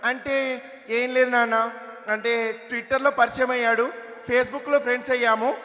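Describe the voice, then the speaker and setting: A man's voice: very high voice, little pitch movement, unhurried, sharp tone, pitched above the performer's own voice, full character voice. A man voicing a coy, hesitant teenage girl. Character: coy teenage girl confessing to her father. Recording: long hall reverb over PA.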